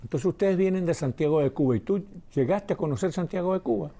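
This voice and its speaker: A man hosting a television interview, introducing his guest and prompting her with lively questions. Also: high voice, fast, creaky. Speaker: TV host.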